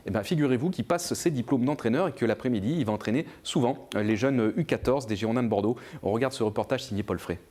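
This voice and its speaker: A man hosting a TV football talk show in the studio, presenting the segments in a brisk, upbeat way. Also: medium pitch, darkish tone. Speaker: host. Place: TV studio set.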